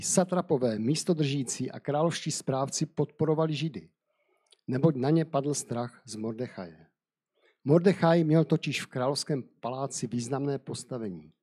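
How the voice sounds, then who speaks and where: Man, preacher, sermon reading, husky, mellow, hesitant. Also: medium pitch. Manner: hesitant, with fillers when speaking freely.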